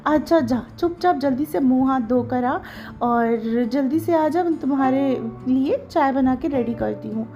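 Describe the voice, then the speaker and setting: A woman's voice: sits high, dark tone, highs cut off, faint music behind. A woman voicing a scolding, sarcastic middle-aged village mother who nags her daughter. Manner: nagging, mocking, slowed emphatic scolding.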